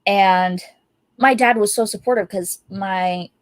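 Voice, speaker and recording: An animated young woman recounts her path into art as an interview guest. Her telling is upbeat and bubbly, with laughter breaking in. Her voice sits mid-range and sounds dry and close. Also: mid-range voice, slow, no room sound. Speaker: guest artist. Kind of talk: casual interview storytelling.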